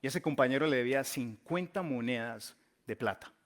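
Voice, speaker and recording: Man, pastor, sermon, emphatic storytelling, drawn-out key words, trailing soft phrase endings, mid-pitched voice.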